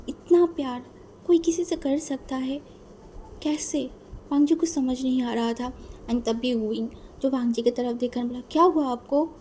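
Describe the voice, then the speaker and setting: A woman casually retelling a romance fan story, animated and musing, often repeating words as she thinks. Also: high-pitched, slight background noise.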